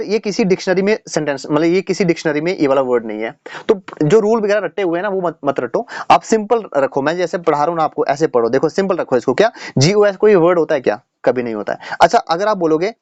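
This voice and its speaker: A man's voice: a little high, darkish tone, no echo, lo-fi sound. A man teaching English grammar in a casual, chatty classroom style, repeating his points and checking in with the students often. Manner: chatty, repeats points with "dekho yaar" and "theek hai na".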